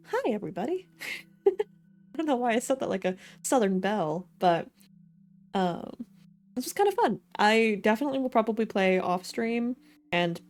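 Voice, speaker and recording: A young woman with a lowish, somewhat mellow voice streams a game, chatting casually and giggling as she addresses her chat. Faint game music plays in the background.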